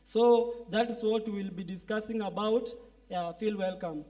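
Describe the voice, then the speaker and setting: A man's voice: sits high, measured pace, warm tone. A young man from Kenya speaking as a student panelist, searching for words with restarts. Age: young adult. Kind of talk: panel discussion. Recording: voice picked up from a distance.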